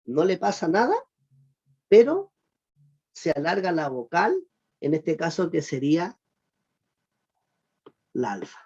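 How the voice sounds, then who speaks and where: A teacher giving an online class on Greek verb grammar, patiently repeating "look" and asking the class whether it is clear. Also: mid-range voice, darkish tone. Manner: patient, repeats "miren" and "fíjense" often; asks the class check questions. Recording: muffled lo-fi recording.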